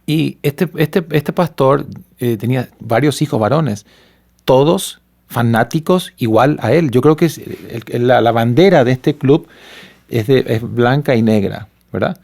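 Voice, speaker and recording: A man's voice: medium pitch, unhurried, creaky. A middle-aged man with a Paraguayan accent, a pastor and father telling stories earnestly in conversation. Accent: Paraguayan Spanish. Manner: earnest, animated storytelling. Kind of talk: conversational testimony.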